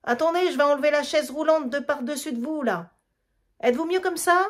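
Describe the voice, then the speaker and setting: A worn-out, complaining Quebec housewife, acted by a woman reading a play aloud. She talks a little higher and quicker than the reader's own voice, fussing and grumbling. Her accent is Quebec French. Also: lightly acted. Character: harried middle-aged housewife caring for her mother-in-law.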